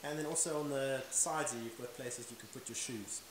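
A man's voice: medium pitch, fairly quick. A young South African man giving a casual product walkthrough as a shop staffer. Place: large warehouse indoors, camera mic. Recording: echoey warehouse, noisy, clicks.

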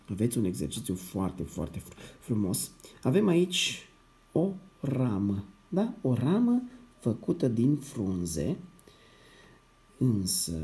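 A man with a dark, mellow voice and a touch of gravel, giving a reading lesson to young children. His pitch rises and falls a lot as he sounds syllables out slowly and repeats them. He keeps checking in with the class in a patient, encouraging way. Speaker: primary school teacher.

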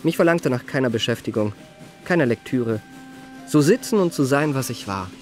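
For a radio play, an actor voices a suave, self-possessed young confidence trickster narrating his memoirs in polished literary style, sounding courteous and composed. His medium-pitched voice is animated, moves at a moderate pace, and stays close to an everyday voice. Faint music plays behind him.

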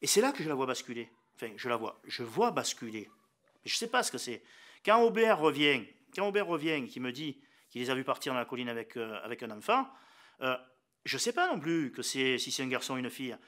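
Male eyewitness, bright lively voice, stumbles and repeats as he recalls. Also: medium pitch. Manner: halting, stammers and repeats words. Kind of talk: documentary interview.

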